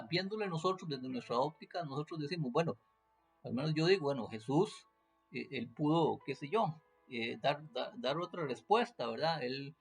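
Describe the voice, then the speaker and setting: Man, teaching scripture off the cuff; rough fry in the voice, lots of fillers and restarts. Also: medium pitch. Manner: hesitant, many fillers and restarts, rhetorical questions. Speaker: preacher. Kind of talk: unscripted Bible teaching.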